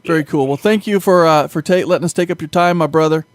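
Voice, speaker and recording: A man's voice: on the high side, fast, no echo. A man hosting a show and chatting casually, chummy and effusive with the person he is talking to. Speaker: show host. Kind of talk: casual chat with a caller.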